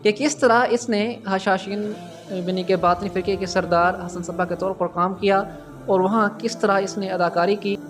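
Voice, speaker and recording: A man hosting a drama review channel, speaking in a formal commentary style and often addressing his viewers directly with a raised, emphatic voice. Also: high voice. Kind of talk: scripted-sounding video commentary.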